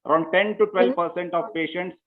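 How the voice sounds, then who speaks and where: Heard through a tinny, phone-like remote call line, a man lectures at a medical conference in a high, brisk voice with fairly even intonation. He's a surgeon who proceeds step by step and frequently says "you know."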